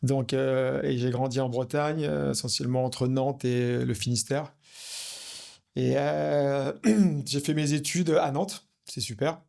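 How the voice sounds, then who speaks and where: A man's voice: mid-range voice, steady tone, slow pace, gravelly, darkish tone. A man in his fifties from France, chatting casually in an interview as a watch brand founder, rambling with many fillers and restarts. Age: 50s.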